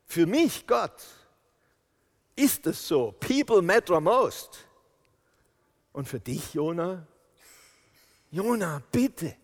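Animated preacher man in a reverberant hall. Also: high-pitched, drawn-out words, long pauses. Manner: animated storytelling, acts out quotes. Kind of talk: sermon. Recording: long reverb of a large hall.

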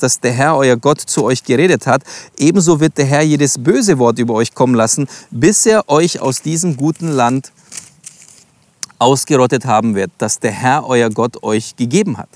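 A man's voice: medium pitch, moderate pace, darkish tone, no room sound. A man teaching from the Bible in a sermon, reading verses aloud and explaining them, stressing single words and addressing his listeners directly. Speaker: preacher.

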